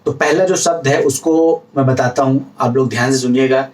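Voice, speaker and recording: A man's voice: medium pitch, steady tone, moderate pace, distant mic, noisy background. A man giving a casual spoken lesson, explaining words patiently with repetition and everyday examples. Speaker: language teacher vlogger.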